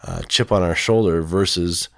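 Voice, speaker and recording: A male counselor with a voice lowered by illness, explaining in a rambling, hesitant way full of fillers. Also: moderate pace, dry recording, clean studio sound. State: sick, voice lowered from strep throat. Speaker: counselor and podcast co-host. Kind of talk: casual podcast conversation.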